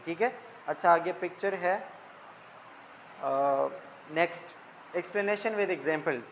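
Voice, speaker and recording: A man's voice: high-pitched, a little hiss or hum, rough recording. A man teaching a slide-based lesson who explains each term in simple words and keeps checking in with "ठीक है". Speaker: tutor.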